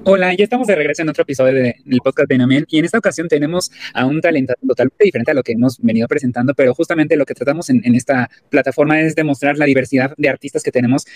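Brief: man, podcast host, rapid and slightly high, eager with lots of fillers and restarts, close dry sound. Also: no room sound. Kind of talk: casual interview hosting.

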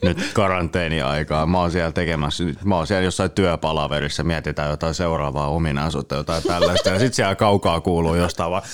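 A man's voice: deep voice, hardly any pauses, a little hiss or hum. A man casually telling a story to his roommates, amused and laughing along as he talks.

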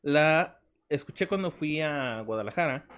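A man's voice: fairly high pitch, measured pace. Slangy Mexican man telling stories. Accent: Mexican Spanish. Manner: slangy, animated storyteller. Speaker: podcast co-host. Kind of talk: casual chat.

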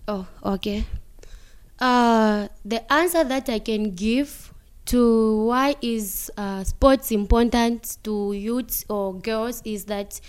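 A young woman from Zambia with a Zambian accent, answering interview questions about playing football, halting and mixing in local words. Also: a little high, clean tone. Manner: mixes English with local words, halting with many fillers.

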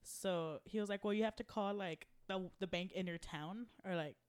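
A woman's voice: mid-range voice, normal speed, smooth. A young woman chatting casually and telling a story, swearing often, laughing a lot and acting out the people she quotes. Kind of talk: casual chat.

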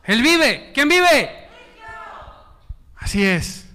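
A man preaching a sermon with call and response, animated, acting out dialogue and dropping to hushed tones. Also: very high voice, drawn-out words. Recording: long hall reverb.

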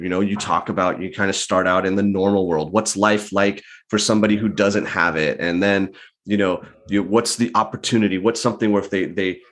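A man's voice: fairly low pitch, a bit bright. A man as a guest in a casual interview, explaining his points conversationally and often ending them with "right?".

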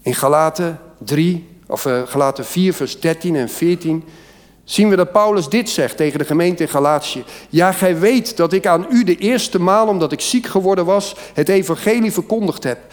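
A man's voice: high-pitched, normal speed. Fervent preacher man in a reverberant hall. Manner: fervent preaching with rising emphasis. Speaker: pastor. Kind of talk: sermon. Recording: long church hall reverb.

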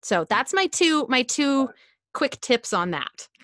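A woman's voice: sits high, big pitch swings, slow, fairly bright tone, no room sound, clean studio sound. A woman guest on a podcast, talking earnestly and casually about self-talk and personal tips.

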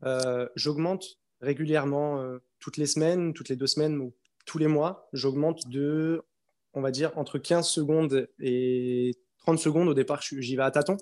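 A man's voice: on the high side, steady tone, a little slow, darkish tone. A man in his twenties, an interview guest, telling his story in a casual, hesitant way with many fillers and restarts. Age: 20s.

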